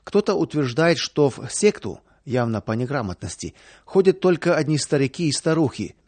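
Guy reading an audiobook, husky voice, dry close mic, faint music under it. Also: mid-range voice, very animated, normal speed, a little mellow, no echo. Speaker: narrator. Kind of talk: scripted audiobook narration.

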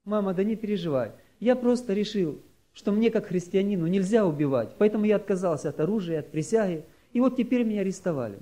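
Man voicing a calm, earnest young conscript. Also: sits high, fast talker.

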